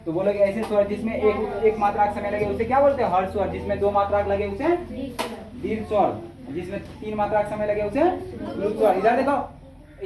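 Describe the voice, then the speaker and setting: A woman teaching a Hindi grammar class, quizzing students again and again and stretching out vowel sounds to show their length. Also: medium pitch. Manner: repetitive questioning, drawn-out vowel demonstrations, scolding. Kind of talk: classroom lesson with call-and-response drilling. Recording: echoey room from far off.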